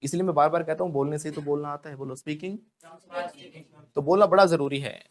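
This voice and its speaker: A man's voice: fairly high pitch, fast. Indian man drilling English pronunciation. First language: Hindi. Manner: drills words by repetition, often asks the class to repeat. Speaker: spoken English teacher. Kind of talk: classroom pronunciation lesson.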